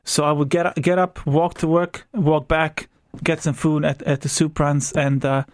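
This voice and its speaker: A young Croatian-accented man speaks in a fairly high voice, recorded dry and close in a radio studio. He tells his story candidly but hesitantly, full of restarts and small fillers. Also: little pitch movement, a little slow, dry recording. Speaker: interview guest. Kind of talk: radio interview.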